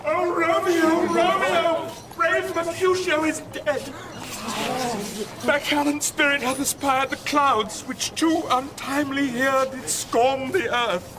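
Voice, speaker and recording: High, urgent young gentleman, Benvolio. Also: steady tone, slow, background noise. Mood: distraught, urgent. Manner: urgent, declamatory verse delivery. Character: Benvolio, agitated loyal young Veronese gentleman. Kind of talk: classical Shakespearean radio drama acting.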